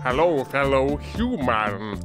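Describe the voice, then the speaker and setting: A man voicing a male android who poses as a normal human, speaking in halting, stilted, drawn-out words. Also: mid-range voice, big pitch swings, over music. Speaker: gamer.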